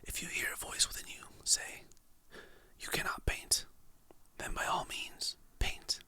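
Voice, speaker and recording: A content creator offers affirmations and motivational quotes in a slow, calming ASMR whisper, saying each quote before naming who wrote it.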